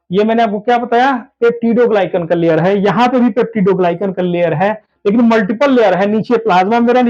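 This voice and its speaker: On a dull lo-fi recording, a man with a high-pitched but darkish voice explains biology at a whiteboard. He repeats key points over and over, calls his students "babu" and keeps pressing them to pay close attention.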